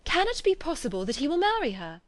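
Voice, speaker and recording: A woman voicing an eager young daughter who speaks in high, urgent bursts. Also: very animated, moderate pace, no echo. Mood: astonished.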